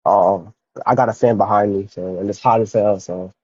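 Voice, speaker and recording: A young man in his twenties, speaking low and hesitantly through a headphone mic. His voice comes out muffled and dull, as if heard through a wall. The sound is dry, with no room around it. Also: fairly even intonation, normal speed, breathy edge, no room sound. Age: 20s. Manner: hesitant, soft-spoken, with many fillers. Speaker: caller. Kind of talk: casual call-in debate.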